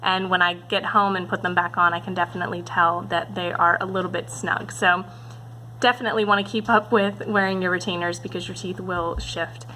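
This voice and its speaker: Female vlogger, bright mid-pitched voice, informal and explanatory delivery, slight noise on the recording. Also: little pitch movement, brisk, poor audio. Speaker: vlogger talking to subscribers. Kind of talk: casual update vlog to camera.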